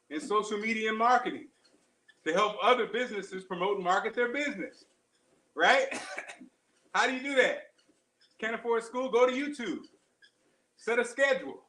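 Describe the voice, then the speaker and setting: A man with a high, bright voice talks while running on a treadmill in a roomy, echoing space. He gives a casual motivational pep talk like a show host, in short exerted phrases, repeating key lines with firm emphasis. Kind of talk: casual motivational livestream chat. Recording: roomy, echoing live-stream sound.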